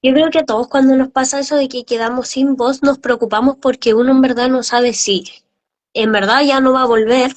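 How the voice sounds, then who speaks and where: High-voiced woman hosting an interview. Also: steady tone, brisk. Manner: friendly, reads out viewer comments. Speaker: interview host. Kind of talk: casual interview.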